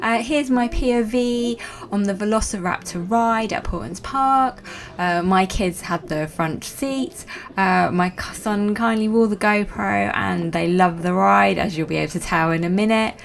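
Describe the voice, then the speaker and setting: A woman's voice: medium pitch, a little slow, creaky. A woman, around her thirties, giving a casual introduction as a vlogger.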